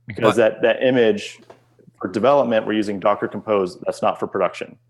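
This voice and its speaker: A man explaining technical details in a relaxed, confident way during a casual chat. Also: lowish voice, brisk.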